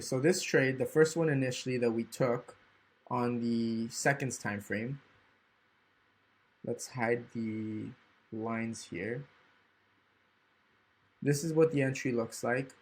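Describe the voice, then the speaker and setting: Slow and punctuated by long pauses, a man's slightly rough, mid-range voice carries a casual trading chart walkthrough recorded from his screen. The trading educator has hiccups, thinks aloud, and often checks in with "right?".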